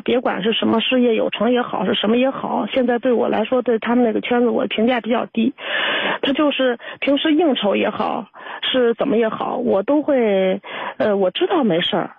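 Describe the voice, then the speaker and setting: A woman's voice: a little high, creaky, breathy edge, no echo. A woman calling in to an advice show, talking in a rambling, hesitant, aggrieved way. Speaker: caller. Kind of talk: call-in confession. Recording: dry tinny phone line.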